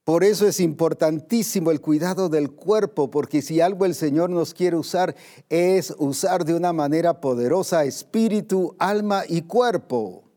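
Man, sermon, emphatic preacher, slightly high-pitched, mellow tone, slows on scripture. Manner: emphatic, swings between raised and hushed delivery.

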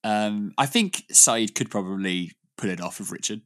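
British guy chatting on a podcast, lowish voice, rambles and laughs a lot. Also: moderate pace, fairly bright tone. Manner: rambling, laughs often, restarts. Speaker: podcast co-host. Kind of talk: casual chat.

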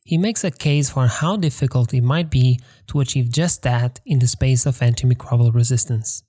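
Man hosting a podcast, mellow voice. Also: mid-range voice, moderate pace. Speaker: podcast host. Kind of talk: scripted podcast narration.

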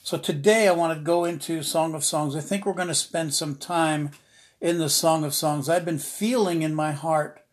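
A man's voice: fairly high pitch, fairly even intonation, moderate pace. A middle-aged man hosting a devotional podcast, telling a story in a rambling way with many fillers and restarts and a dry, sarcastic humor. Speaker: podcast host, ministry teacher. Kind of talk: informal devotional podcast talk.

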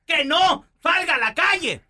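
Male co-host, very high and lively, mocking taunts. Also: measured pace, a loud crowd. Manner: mocking, sing-song taunts. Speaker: radio co-host. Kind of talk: comic radio banter.

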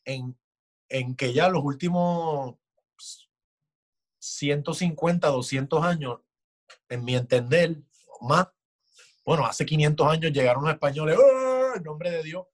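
Man, fairly high voice, heated casual talk with frequent swearing. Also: unhurried, long pauses. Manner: passionate, swears often, acts out quoted voices. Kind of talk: casual chat.

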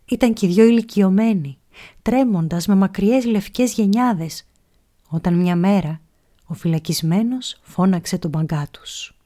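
A woman reading a children's pirate story aloud, expressive, dropping to a whisper at tense moments. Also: mid-range voice.

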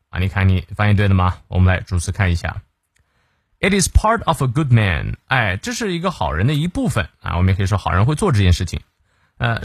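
A man teaching a morning English reading lesson, his pitch rising and falling in a very lively way as he breaks down each word. He sounds encouraging and fills pauses with small filler sounds. The recording is close and dry. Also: breathy edge, no room sound.

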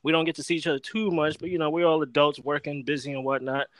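A man's voice: a little high, flat delivery, fast talker, no room sound. A young man from Florida hosting a casual podcast, profane and laid-back, laughing often. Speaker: podcast host.

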